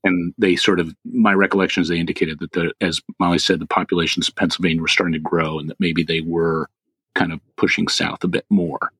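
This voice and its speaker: A man with a very low voice chats casually about wildlife. He talks in a loose, rambling way, full of fillers and restarts. The recording is dry and close. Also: little pitch movement, fairly quick, a bit bright, breathy edge, no room sound. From Philadelphia area, US. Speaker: podcast co-host. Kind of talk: casual birding chat.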